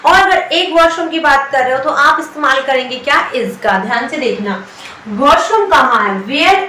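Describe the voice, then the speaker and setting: A woman teaching a spoken English lesson, addressing viewers affectionately as children and repeating each phrase very slowly. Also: high-pitched, pushed and bright, slight background noise. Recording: echoey room, heard from a distance.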